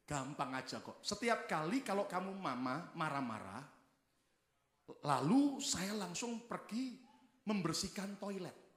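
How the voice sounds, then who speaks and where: A man's voice: sits high, big pitch swings, a little slow. A man playing a sly, unbothered husband. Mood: smug calm. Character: calm, sly middle-aged husband. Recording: echoey church hall.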